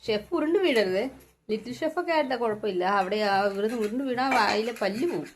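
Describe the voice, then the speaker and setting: A woman's voice: fairly high pitch, quick pace, slight background noise. Playful woman coaxing a child in the kitchen. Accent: Kerala Malayalam. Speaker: home cook vlogger. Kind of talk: casual family cooking chat. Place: home kitchen.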